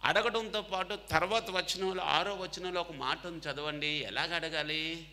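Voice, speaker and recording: Male preacher, sermon to students, very bright sharp tone, long hall echo, draws call-and-response from the crowd. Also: fairly high pitch, steady tone, measured pace. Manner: asks rhetorical questions and has the crowd answer aloud; mixes English words and phrases into his talk. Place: large hall with hundreds of listeners.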